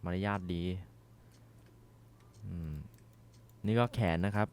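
A young man commentating a horror game as he plays, swearing and shouting when startled. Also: fairly low pitch, slow pace, clean tone. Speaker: gaming streamer.

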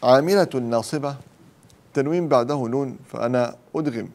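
A man teaching tajweed rules, explaining each rule and then slowly reciting the verse examples. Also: mid-range voice, darkish tone.

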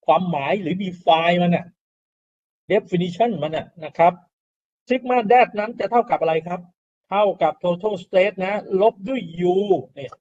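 A man's voice: high voice, a little mellow. A middle-aged man lecturing students, explaining step by step, repeating key terms and asking rhetorical questions. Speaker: university lecturer. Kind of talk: classroom lecture on soil mechanics. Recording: dull lo-fi classroom recording.

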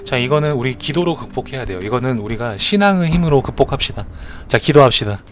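A man's voice: mid-range voice, animated, fast, fairly bright tone, a little hiss or hum. A man streaming a game live, chatting in a joking, mock-earnest way as he justifies his moves. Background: music.

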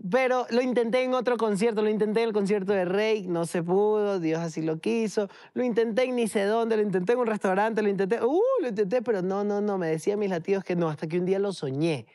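A young man with an Ecuadorian accent, a guest in a TV studio, telling stories in an animated way and laughing often. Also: high voice, a little fast, no room sound. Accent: Ecuadorian Spanish. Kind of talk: casual interview chat.

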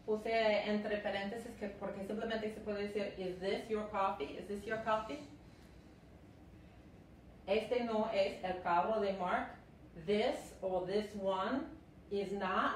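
A woman teaching a live online language lesson, repeating phrases slowly and patiently for beginners. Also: mid-range voice, slight background noise. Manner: slow, repeats phrases for learners. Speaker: English teacher. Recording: echoey room, mic at a distance.

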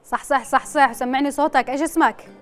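Female quiz show host, Yemeni accent, high voice, playful and chatty with callers, light music underneath. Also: steady tone, fast talker. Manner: playful, teasing banter with callers. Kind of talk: chatty live game show presenting with callers.

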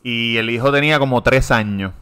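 A man, co-hosting a casual podcast and telling crude, animated stories. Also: mid-range voice, fairly quick, smooth. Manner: animated, profane storytelling. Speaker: podcast co-host. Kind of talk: casual chat.

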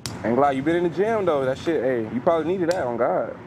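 A man's voice: on the high side, expressive, fast. A young man bantering casually in profane slang outdoors. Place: outdoor driveway at night. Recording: noisy outdoor stream audio.

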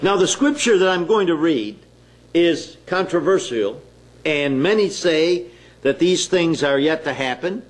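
A man preaching a sermon in a slow, deliberate, emphatic way, pausing between phrases. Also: on the high side, lively intonation.

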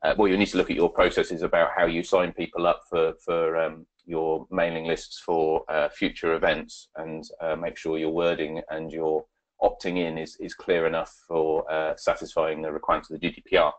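A man giving a webinar presentation and answering questions, halting with many fillers and restarts. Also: very deep voice, completely flat delivery, dull audio.

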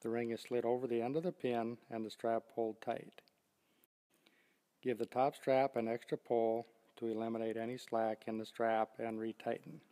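Older male demonstrator, scripted instructional read, steady and methodical, voice carries a lingering reverb. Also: medium pitch, moderate pace. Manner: steady, methodical step-by-step explaining. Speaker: product demonstrator.

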